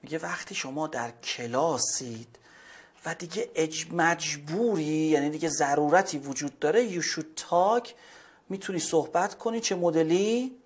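Male teacher with a high-pitched voice, drills vocabulary, slow on English words. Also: breathy edge. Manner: reads English slowly, explains in Persian. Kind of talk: classroom vocabulary lesson.

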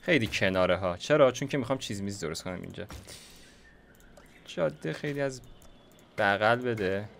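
A man's voice: lowish voice, lively intonation, vocal fry, long pauses, a bit bright, slight background noise. A young man giving casual, slangy gameplay commentary, chatting to himself as he builds. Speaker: gaming YouTuber.

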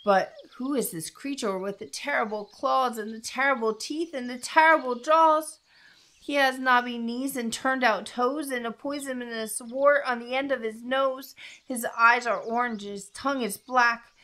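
A woman reading a children's story aloud as a storyteller, gentle and expressive. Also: fairly high pitch, moderate pace.

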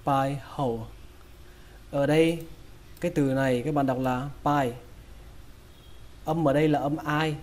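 Male teacher with a Vietnamese accent, slightly high and mellow, patient drilling delivery. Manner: repeats each word slowly, breaking it into sounds. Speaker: English pronunciation teacher. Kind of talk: slow, drilled pronunciation lesson.

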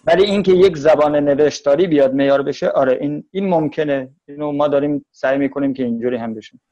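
A man's voice: fairly high pitch, warm tone. Tajik-accented man in a lo-fi interview. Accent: Tajik Persian.

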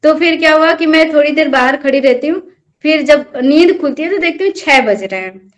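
High-voiced young woman telling a devotional story. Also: brisk. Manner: earnest, storytelling, addresses host as bhaiya. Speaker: guest devotee telling her experience. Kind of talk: personal testimony in conversation.

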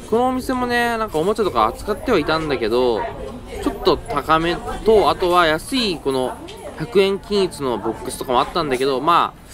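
A young man narrating a casual vlog while browsing a flea market, chatty and rambling, often correcting himself mid-sentence. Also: on the high side. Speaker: toy-hunting vlogger. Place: indoor parking garage flea market.

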